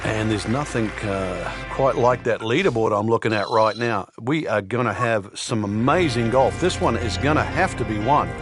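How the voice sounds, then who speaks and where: A man playing a measured, knowledgeable golf analyst giving analytical co-commentary on a sports broadcast. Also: lowish voice, over music, close to an everyday voice. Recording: loud crowd and outdoor ambience noise. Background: loud crowd, outdoor ambience.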